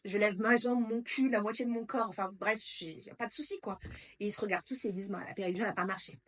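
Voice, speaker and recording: A woman's voice: on the high side, fairly even intonation, fast, a bit bright. A woman vlogger telling a personal story in a candid, casual way, blunt and emotional, with slang and swearing.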